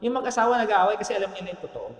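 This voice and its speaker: Lively Filipino pastor in echoey hall. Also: male voice, high-pitched, quick pace, highs cut off. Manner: joking, teasing the congregation. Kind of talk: sermon. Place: church hall. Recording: echoey church hall, long reverb.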